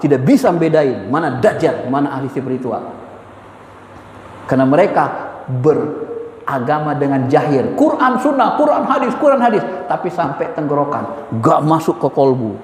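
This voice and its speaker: A man giving an informal Islamic spiritual lecture, emphatic and animated, repeating key words and addressing his listeners directly. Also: fairly high pitch. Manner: addresses listeners as "Pak", chuckles. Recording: echoey hall with faint ambience.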